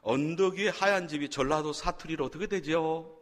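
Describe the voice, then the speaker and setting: A man's voice: fairly high pitch, a little fast. A male pastor leading a Wednesday sermon, coaching the congregation to repeat phrases after him and joking with them. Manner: leads call-and-response phrases, jokes with the congregation. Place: church sanctuary. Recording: long hall reverb in a church.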